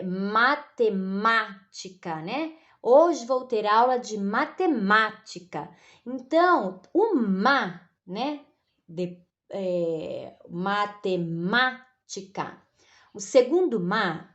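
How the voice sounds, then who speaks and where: A Brazilian woman teaching a recorded lesson, patient and repetitive, checking in with the class after almost every phrase. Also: on the high side. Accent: Brazilian Portuguese. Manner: patient, repeats tag questions like "né?" and "tá?".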